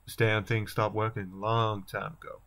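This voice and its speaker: A man's voice: lowish voice, little pitch movement, moderate pace, creaky, a bit bright. A man voicing a weary male raccoon detective in a video game, with a slight put-on southern drawl and a dry, self-mocking, laid-back manner. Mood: wry.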